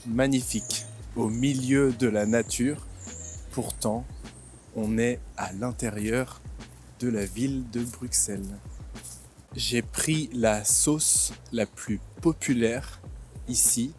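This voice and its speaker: A man in his twenties from France, hosting a vlog and explaining things simply, with slow, clear speech that repeats and rephrases. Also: medium pitch, a little mellow, soft background music. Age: 20s. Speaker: vlog host and French teacher. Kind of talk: slow comprehensible-input vlog narration. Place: outdoors in a city.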